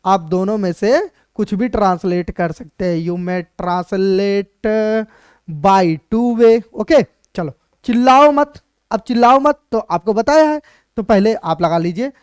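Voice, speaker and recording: Male teacher, unhurried and dry-miked, who quizzes himself and drops jokes. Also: high voice, a little mellow, clear, resonant tone, no room sound. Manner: asks and answers his own questions, repeats points, joking asides. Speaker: English teacher. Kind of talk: spoken English lesson in Hindi. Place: classroom board lesson video.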